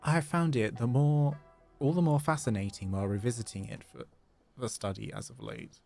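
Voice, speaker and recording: Brisk and gravelly, a bit mellow, this man's mid-range voice stays fairly even as he livestreams a video game. He jokes around, repeats phrases, and sometimes reads lines aloud, while game music sounds behind him.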